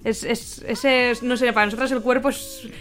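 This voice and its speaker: A woman's voice: a little high, fairly even intonation, moderate pace, fairly bright tone, faint music behind. A woman in a casual discussion, thinking aloud hesitantly. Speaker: radio show participant.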